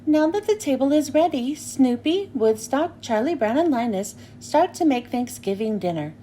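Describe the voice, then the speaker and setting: A woman's voice: sits high, very animated, moderate pace, mellow, a little hiss or hum. A woman narrating a children's storybook as a read-aloud. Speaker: storybook reader.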